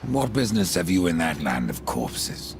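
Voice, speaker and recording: An actor playing Death, a grim and sardonic horseman, with a gravelly voice, speaking in terse, dry lines in a video game cutscene. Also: sits low, sing-song, normal speed, over music. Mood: cold.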